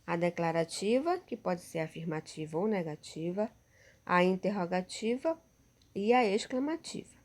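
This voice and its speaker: A woman's voice: lowish voice, animated, normal speed, a little mellow. A woman teacher with a Brazilian Portuguese accent giving a recorded lesson over slides, patient and checking in with her pupils often.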